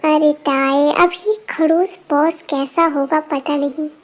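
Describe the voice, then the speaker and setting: A chatty, boy-crazy young woman who gossips and giggles, as a woman voices her. Very high, bright voice in a plain home dub. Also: fairly even intonation, takes it slowly. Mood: gossipy. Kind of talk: amateur voice dubbing.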